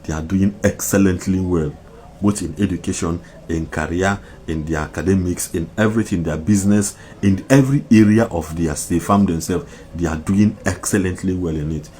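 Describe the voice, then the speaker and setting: Deep-voiced man, impassioned commentary. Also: normal speed, warm tone, slight background noise. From Nigeria. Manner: mixes Igbo and English, repetitive, emphatic. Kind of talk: impassioned social media commentary.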